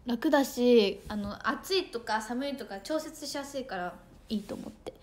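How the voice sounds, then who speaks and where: A woman's voice: on the high side, expressive, normal speed. A young woman idol livestreaming in casual chat, bubbly and chatty, thanking viewers for gifts and sometimes tripping over her words.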